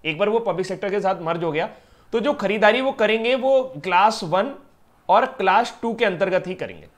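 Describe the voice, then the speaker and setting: A male teacher runs through current affairs for exam students in a loose, conversational lecture. He jokes and addresses his viewers familiarly, calling them friend or kid. His voice sits a little on the high side. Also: animated, moderate pace. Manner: chatty, teasing, addresses students as yaar and beta. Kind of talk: casual Hindi lecture to students.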